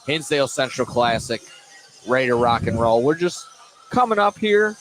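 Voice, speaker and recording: In a noisy indoor basketball gym, a man gives informal live play-by-play, now and then stumbling and correcting himself. His mid-range voice has a sing-song lilt and a fairly bright tone, delivered at normal speed.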